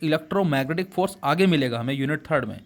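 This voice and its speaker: Guy teaching physics class, hindi with english words, keeps asking his students questions then answering, kinda high voice. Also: animated, fast. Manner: explains in Hindi mixed with English terms, addresses students as beta and bacche; asks rhetorical questions and answers them himself.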